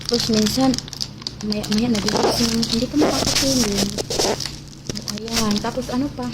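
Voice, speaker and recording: A woman's voice: on the high side, steady tone, measured pace. A woman vlogging as a mother, chatting casually to the camera in a rambling, joking, self-mocking way and dropping into English now and then. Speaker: mother vlogging with her baby. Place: rural home in the mountains. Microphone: camera facing her. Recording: loud background noise.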